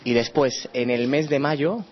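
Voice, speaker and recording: A male radio interviewer with a Castilian accent puts formal questions to a guest. His voice sits at a medium pitch, and the recording sounds a little dull and limited in range. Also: unhurried, slight background noise. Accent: Castilian Spanish, from Spain.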